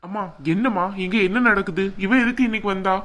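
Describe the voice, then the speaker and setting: A woman's voice: mid-range voice, quick pace, a bit bright, slight background noise, lightly acted. A woman voicing a scornful, quarrelsome young husband in a cartoon, talking in a taunting way. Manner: taunting, contemptuous. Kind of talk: cartoon voice acting.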